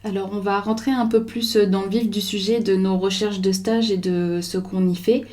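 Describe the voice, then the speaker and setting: A young woman hosting a podcast, talking softly and hesitantly with many pauses and fillers. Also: mid-range voice, steady tone. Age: young adult. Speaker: podcast host. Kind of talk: scripted intro then casual chat.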